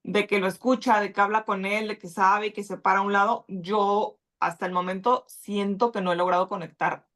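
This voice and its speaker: A woman's voice: mid-range voice, fairly even intonation, normal speed, hardly any pauses, fairly bright tone. A woman, a podcast guest speaking hesitantly and reflectively in casual chat.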